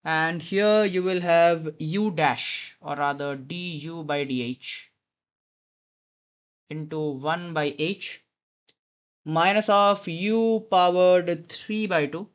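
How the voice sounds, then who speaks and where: A man's voice: on the high side, steady tone, slow pace, clear, resonant tone. A man tutoring maths informally on a headphone mic in an airport lounge, thinking aloud and often correcting himself as he works through a problem. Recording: dull lo-fi headset sound.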